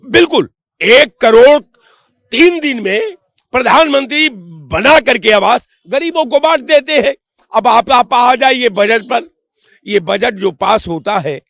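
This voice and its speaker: Heated high-pitched man with a gravelly voice. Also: fairly bright tone, dry recording, studio quality. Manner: heated, rhetorical, raises voice in bursts. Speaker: member of the public. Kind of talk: street vox pop debate.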